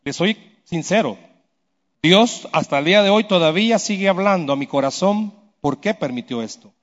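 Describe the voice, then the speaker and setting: Pastor guy, high voice, earnest and emphatic, long echo of a big church hall. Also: expressive, moderate pace, lo-fi sound. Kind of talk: sermon with personal testimony.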